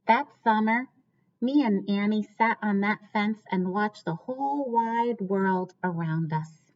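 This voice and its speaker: A woman reading a storybook aloud to children like a teacher, pausing to ask listeners questions. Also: mid-range voice. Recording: dull, lo-fi sound.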